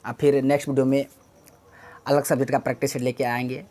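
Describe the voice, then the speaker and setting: A woman's voice: a bass voice, level tone, fast talker, dark tone. A woman teaching an exam-prep English lesson, explaining patiently, repeating key words and answering her own questions.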